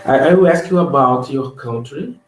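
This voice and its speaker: A Brazilian man, a native Portuguese speaker, practising English on a video call with halting phrasing and small slips. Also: medium pitch. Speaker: English learner. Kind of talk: casual video-call conversation. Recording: echoey room with faint noise.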